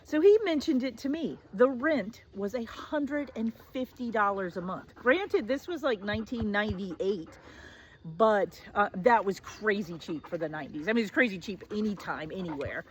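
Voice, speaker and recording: A woman in her forties, hosting her own show, telling a personal story in a casual, self-mocking way with excited high bursts and low asides. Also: moderate pace, a little hiss or hum, rough recording.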